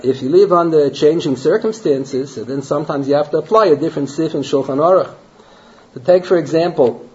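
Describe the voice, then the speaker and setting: A rabbi teaches a Talmud class as a Torah lecture, speaking conversationally, asking rhetorical questions and mixing Hebrew and Yiddish terms into his English. His voice is on the high side and a little mellow, in a dull lo-fi lecture recording.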